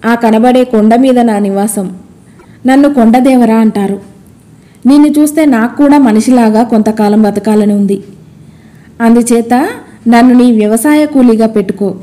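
A woman's voice: a little high, moderate pace, warm tone, natural voice. A woman voicing a mighty, mischievous male hill spirit in a storybook tale, with a teasing, boastful manner. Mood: taunting.

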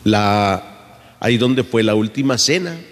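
A man speaks as a priest at Mass, slow and solemn, in a lowish voice. His words carry a long cathedral echo as they ring through the church. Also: animated. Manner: solemn, measured delivery. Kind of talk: liturgical Gospel reading and homily. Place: church sanctuary, at the lectern.

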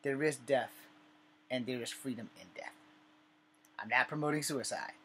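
Talking into a webcam at desk distance, this man in his forties, nearly fifty, records a casual vlog monologue in his cluttered bedroom. His medium-pitched voice is bright and forceful at a normal speed, with occasional swearing and a wry, sarcastic edge. A little background noise is audible.

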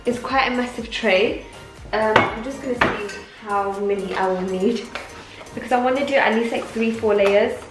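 A young woman talks viewers through a home cooking vlog with upbeat, rambling asides. Her voice sits a little high. The sound is roomy with kitchen echo and faint music underneath. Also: moderate pace. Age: young adult. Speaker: vlogger.

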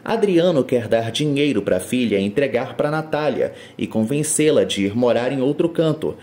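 A Brazilian man narrates an episode recap from a studio voice-over mic. His voice is mellow and dark, but his delivery swings up and down with brisk storytelling energy. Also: mid-range voice. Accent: Brazilian Portuguese. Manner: brisk storytelling with lively rises. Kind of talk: scripted narration.

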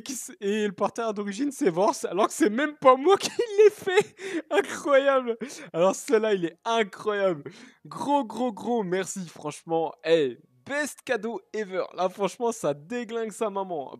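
Excitable French-speaking man gaming reactions. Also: sits high, dry recording, clean studio sound. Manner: exclamatory, swears often, repeats his exclamations. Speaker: gaming YouTuber. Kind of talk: excited reaction video commentary.

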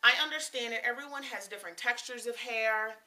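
A woman's voice: a little high, a little fast, bright, forceful tone, recorded from a distance. A woman in her thirties from the southern United States, chatting emphatically in a casual hair-product review vlog, with frequent ums.

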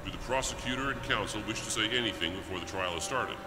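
A man's voice: on the low side, quick pace, close to an everyday voice. An actor playing a solemn, ceremonial male judge in a horror game. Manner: formal, ceremonial. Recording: echoing hall reverb, loud music.

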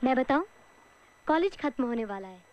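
A woman's voice: high-pitched, moderate pace, lo-fi sound. An actress playing an emotional young woman student who cares for her friend, in film dialogue. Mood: caring. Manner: animated, emotional.

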